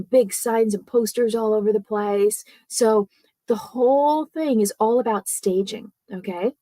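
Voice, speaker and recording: A woman speaking coach giving a live training talk, speaking softly and chattily with many fillers and tag questions like "right?" and "okay?". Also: on the high side, no echo.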